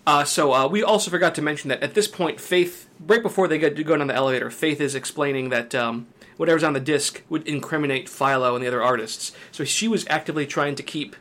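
A podcast co-host, a man with a higher voice and a fairly bright tone, recaps a film's plot quickly in a casual movie discussion. He uses lots of fillers and laughs frequently.

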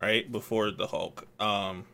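Man, podcast co-host, casual chat, relaxed, drawn-out, bright tense tone. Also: on the low side, vocal fry, slight background noise.

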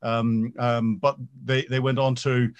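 Halting at first, with many ums and repeated starts, a veteran of the armed forces responds to interview questions and gets more animated along the way. He speaks at a medium pitch.

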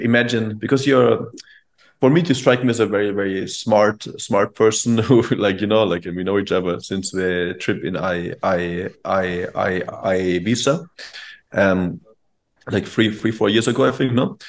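A man hosting a podcast, asking a long question in a rambling way with many restarts. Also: on the low side. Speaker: podcast host. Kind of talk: conversational interview questions.

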